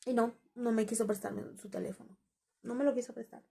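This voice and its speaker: A woman's voice: fairly high pitch, steady tone, fairly quick, vocal fry, dark tone, a little hiss or hum. A woman, candidly telling the story of her breakup to her viewers. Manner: candid, conversational, quotes past dialogue. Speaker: vlogger. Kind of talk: confessional storytelling.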